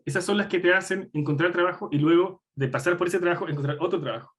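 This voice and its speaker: A man's voice: sits high, quick pace, fairly bright tone. A man, speaking as a guest lecturer who answers audience questions bluntly, with wry asides and many fillers. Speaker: guest lecturer on game development. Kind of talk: live online talk answering audience questions.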